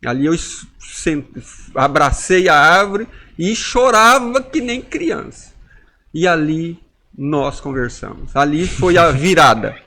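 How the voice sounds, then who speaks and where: Guest, man in his 40s, gravelly, slightly high voice; heartfelt testimony, acts out the inner dialogues. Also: very animated, takes it slowly, bright, forceful tone. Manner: intense storytelling, acting out inner dialogues. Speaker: podcast guest. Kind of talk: emotional personal testimony.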